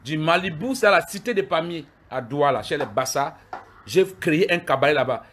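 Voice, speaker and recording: On a livestream, a middle-aged Cameroonian streamer heatedly rants at his critics, speaking to them head-on and saying the same things over and over. His voice is fairly high and fairly bright, with lively intonation and a slightly fast pace, and there's slight background noise.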